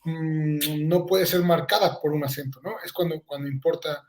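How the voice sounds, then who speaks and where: A man's voice: on the high side, steady tone, normal speed. A man co-presenting, who responds thoughtfully with hesitant restarts in casual conversation.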